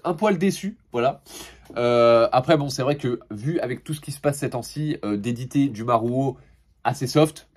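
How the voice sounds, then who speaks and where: A young man casually reviewing his latest manga purchases in a relaxed, chatty way, with many fillers and restarts and laughs between remarks. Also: medium pitch, moderate pace.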